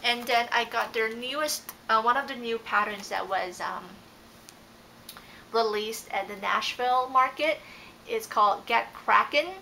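Her voice sits on the high side, a little slow, creaky, pushed and bright. She's a young cross-stitch vlogger whose first language is Dutch, rambling through a show-and-tell haul on her couch indoors with many ums and corrections. The close-range fixed camera picks up a little hiss or hum.

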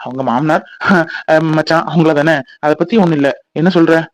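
A man's voice: on the high side, steady tone, moderate pace, no room sound, lightly acted. A man voicing an easygoing father in a cartoon who reasons with his wife. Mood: reasoning.

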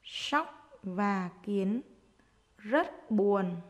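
Woman teacher dictating very slowly. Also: mid-range voice, animated. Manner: dictating short phrases slowly, word by word, repeating each. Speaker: primary school teacher. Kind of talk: dictation lesson for young pupils.

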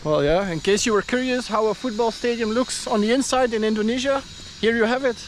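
Laughing often, a Belgian travel vlogger in his thirties gives casual narration while moving through an outdoor stadium and its corridors. He has a very high voice and talks fairly quickly. Slight background noise is picked up by his action camera, held at arm's length.

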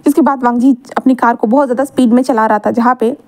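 A woman tells a fan story in a casual, chatty way. Her voice is high yet dark and mellow. She corrects herself and adds asides as she goes. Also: fairly even intonation, fast. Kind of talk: casual fan-fiction narration.

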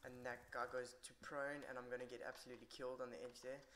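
A man's voice: medium pitch, flat delivery, fast talker, sharp tone, a little hiss or hum. A tired man giving rambling, irritable live commentary on his own match and swearing a lot. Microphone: poor computer mic.

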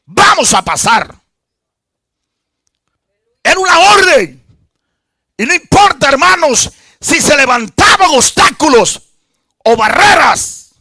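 A middle-aged man, a pastor, preaching and praying in an impassioned, shouting style into a handheld microphone in a small church hall. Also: very high voice. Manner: impassioned, shouting, drawn-out phrases; standing, fist raised while preaching. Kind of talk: Pentecostal-style shouted sermon and prayer.

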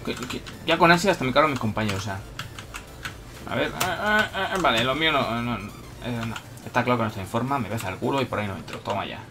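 Excitable young Spanish gamer, lively voice. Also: male voice, mid-range voice, rapid-fire, noisy background. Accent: Spain Spanish. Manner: excitable, bursts into shouts and playful taunts at opponents. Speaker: gaming commentator. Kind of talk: live gameplay commentary. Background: electronic background music.

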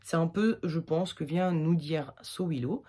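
Low, slightly husky woman, casual tarot reader, rambles with fillers and laughs at her own slips. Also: a little slow, mellow. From France. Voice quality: slightly husky, irritated throat. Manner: chatty, rambling, many fillers and self-corrections. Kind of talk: casual weekly tarot reading.

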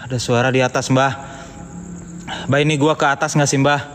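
A man with streaming a ghost hunt, nervously calling out into the dark on a handheld phone. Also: medium pitch, fairly even intonation, normal speed. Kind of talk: live ghost-hunting stream. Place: empty haunted building indoors. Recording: reverberant hall with faint noise.

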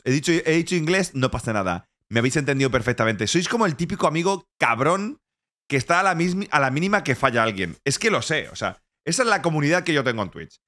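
A man's voice: a little high, big pitch swings, fast, a bit bright. A man from Spain streaming live, chatting casually and joking, with playful mock-French and bits of other languages. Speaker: Twitch streamer.

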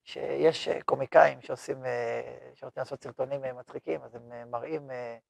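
A man's voice: mid-range voice, fairly even intonation, gravelly, a little mellow, no room sound. A man teaching a Torah lesson as a rabbi, speaking conversationally and putting questions to his listeners. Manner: conversational, asks the audience questions.

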